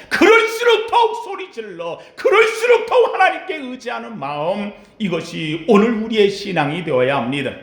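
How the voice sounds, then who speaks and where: A male pastor delivers a fervent sermon in a high, animated voice that rises to a shout at its peaks. His words ring out through an echoey church sanctuary. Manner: impassioned preaching, shouting out the pleas of the blind beggar.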